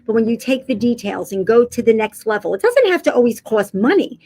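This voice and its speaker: A woman's voice: a little high, big pitch swings, fairly quick, warm tone. A middle-aged woman co-hosting a livestream, talking earnestly in long, rambling sentences. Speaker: co-host. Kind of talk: livestream chat.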